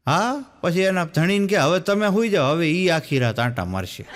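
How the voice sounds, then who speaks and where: A man's voice: a little high, animated, normal speed, very noisy. A male stand-up comedian, telling jokes as stories and acting out the dialogue. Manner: storytelling, acts out the dialogue in his jokes. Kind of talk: Gujarati folk joke telling.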